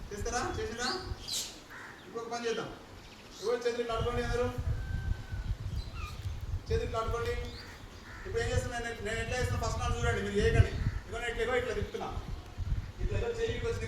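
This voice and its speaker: A man's voice: extremely high pitch, level tone, racing, pauses often. A man, leading a live exercise class and repeating short commands to a group. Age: 50s. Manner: repetitive demonstrating commands to a group. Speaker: exercise instructor. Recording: echoey, far from the mic, noisy.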